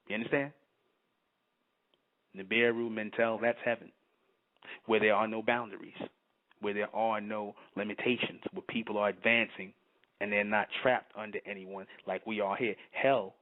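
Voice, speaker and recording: A man giving an impassioned spiritual monologue, working himself up and repeating "you understand?". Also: fairly low pitch. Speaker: channel host giving a spiritual talk. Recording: tinny phone-like audio.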